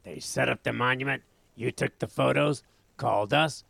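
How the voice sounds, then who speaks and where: A man playing a gravelly, pressing detective. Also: medium pitch, moderate pace, fairly bright tone, no room sound. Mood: interrogating. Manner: confrontational, interrogating. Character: dogged male police detective, pressing. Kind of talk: audio drama acting.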